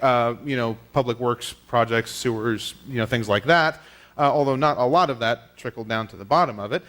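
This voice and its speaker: A man's voice: medium pitch, a bit bright. Male pastor at a pulpit microphone, teaching-style sermon, casual and explanatory. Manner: explanatory, conversational with fillers. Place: church sanctuary.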